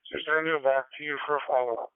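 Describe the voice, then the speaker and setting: Man running a radio net, heard over a narrow, tinny radio link. Courteous and measured, with a very clean voice. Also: a little high, steady tone, smooth, no echo. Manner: measured, courteous, with frequent fillers. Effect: amateur radio transmission. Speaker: net control operator of a ham radio net. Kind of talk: formal radio net procedure.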